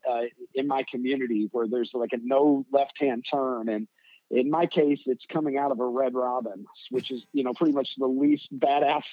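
A man's voice: medium pitch, steady tone, moderate pace, no room sound, dull audio. A man with a Kentucky accent telling casual, humorous stories as a podcast guest, self-deprecating and folksy, swearing freely. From Kentucky, United States.

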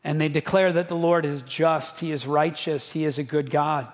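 A man's voice: fairly high pitch, steady tone, moderate pace. Man preaching in a reverberant hall. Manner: casual, fervent preaching with slangy asides. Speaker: pastor. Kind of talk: sermon. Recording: long reverb of a large hall.

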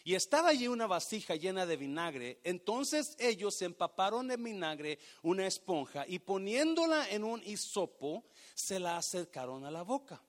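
High-pitched guy preaching, drags out words then gets loud and punchy. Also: sing-song, moderate pace. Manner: swings from hushed to loud and emphatic, stretching key words. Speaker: pastor. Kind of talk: sermon.

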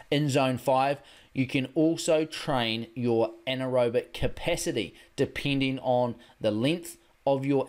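Laid-back guy hosting a podcast, a little croaky from a cold, mid-pitched, chatty and relaxed. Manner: easygoing, friendly, restarts often. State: slightly hoarse from a cold. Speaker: podcast host and performance coach. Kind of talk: casual podcast chat.

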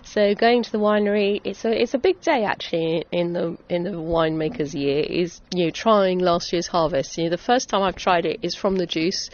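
A woman's voice: fairly low pitch, moderate pace, hardly any pauses. A middle-aged woman from Essex with a southern English accent, chatting enthusiastically as a vineyard owner in a casual interview. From Essex, England. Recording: dull lo-fi sound with background noise.

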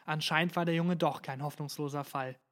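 Dry deadpan story narrator. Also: mid-range voice, brisk. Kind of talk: satirical first-person story reading.

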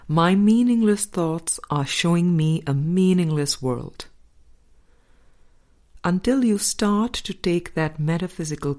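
Low-pitched and mellow, a woman reads scripted spiritual material for an audiobook. Her pacing is slow and careful, with gaps between phrases and a soft edge to her voice.

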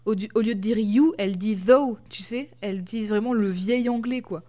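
A woman's voice: medium pitch, fairly quick, dark tone. A woman co-hosting a casual chat, explaining a comic series with many fillers and restarts. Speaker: podcast co-host.

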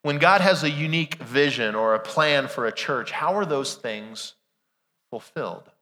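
A man's voice: mid-range voice, expressive, moderate pace, bright, forceful tone. A man preaching a Sunday sermon in a conversational way, asking rhetorical questions, his voice weak and strained from being sick. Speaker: pastor. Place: large church room during a service. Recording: reverberant hall sound.

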